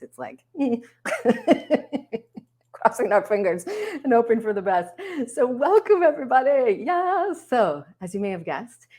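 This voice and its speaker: A woman hosting a live online workshop from home, chatting upbeat with viewers in the comments over a webcam. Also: fairly low pitch. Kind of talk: casual livestream hosting. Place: home, yard work heard outside.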